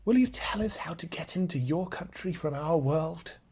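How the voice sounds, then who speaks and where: A man voicing an eager young girl in a storybook reading, speaking up high and pleading. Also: moderate pace, darkish tone, husky. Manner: pleading, higher, breathless.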